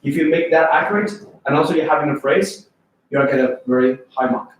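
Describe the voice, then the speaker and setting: A Chinese man with a Chinese accent teaches an English test class in a lively classroom lecture, often checking in with students and asking them questions. His voice is fairly high and a little fast. The recording is distant, in an echoey room.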